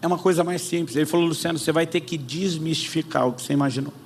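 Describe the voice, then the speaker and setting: A man's voice: on the high side, rapid-fire, slight background noise. A man with a Brazilian Portuguese accent preaching, telling a personal story and acting out both sides of a conversation. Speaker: pastor. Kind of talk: sermon storytelling.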